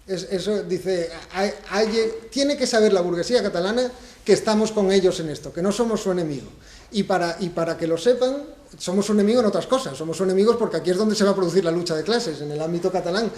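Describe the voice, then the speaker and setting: A man's voice: high-pitched, quick pace, darkish tone, echoey room. A man from Spain presenting his book at a public talk, thinking aloud and posing rhetorical questions to the audience. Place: event hall.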